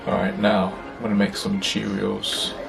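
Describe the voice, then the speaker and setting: Low-voiced young man chatting through his day. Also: completely flat delivery, normal speed, gravelly, loud music behind the voice. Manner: chatty, rambling, explains as he goes. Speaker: vlogger. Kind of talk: casual vlog. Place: his bedroom at home.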